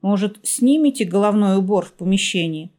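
A woman's voice: medium pitch, expressive, a little fast, dark tone, lightly acted. Woman reading a fussy, squeamish young woman. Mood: peevish. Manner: peevish, exclaiming.

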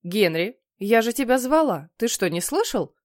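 A woman's voice: on the high side, big pitch swings, moderate pace, darkish tone, no room sound. A woman voicing a stern mother, firm, dry close sound. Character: strict no-nonsense mother.

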